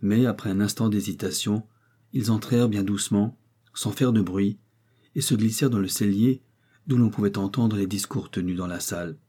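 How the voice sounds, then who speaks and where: A man narrating a classic novel as an audiobook in a steady, measured reading. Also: fairly low pitch, husky.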